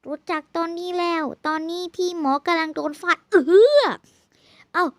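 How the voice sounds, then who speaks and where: Very high-pitched bubbly young woman gamer. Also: flat delivery, moderate pace, bright, forceful tone, no echo. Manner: bubbly, playful, polite. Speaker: game streamer. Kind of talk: casual multiplayer game commentary.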